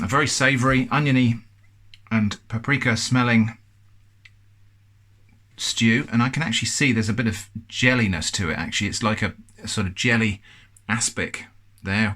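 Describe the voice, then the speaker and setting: A man's voice: fairly low pitch, normal speed, pushed and bright. Chatty English man reviewing canned food. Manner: chatty, thoughtful, self-deprecating. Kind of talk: casual food review to camera.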